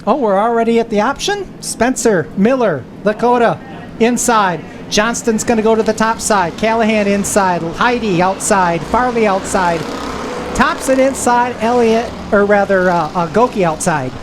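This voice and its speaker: Over the loud roar of race cars and trackside commotion, a woman provides live stock car commentary as a trackside announcer. Her voice is mid-range and her pace moderate.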